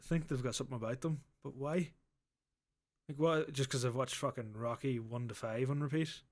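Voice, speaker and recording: A man's voice: mid-range voice, steady tone, moderate pace. A man co-hosting a comedy podcast, riffing crudely and swearing often. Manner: crude, swearing, riffs on jokes. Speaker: co-host. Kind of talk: comedic radio-style podcast banter.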